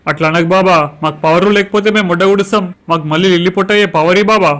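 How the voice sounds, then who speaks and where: A man's voice: sits high, fairly even intonation, racing, fairly bright tone. A man, swearing through brash banter in a comic skit. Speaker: comedy skit performer. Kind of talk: crude comic skit dialogue.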